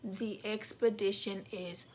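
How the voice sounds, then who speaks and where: A woman's voice: medium pitch, steady tone, slow pace. A young woman vlogger tells a story dramatically, acting out voices and dropping into whispered asides. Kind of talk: animated storytelling.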